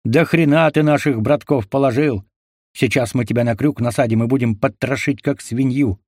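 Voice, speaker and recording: A man's voice: medium pitch, moderate pace, a little mellow, no room sound, studio quality, close to an everyday voice. Man putting on a crude, bullying thug. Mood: menacing. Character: brutal, crude male thug, bossy and spiteful.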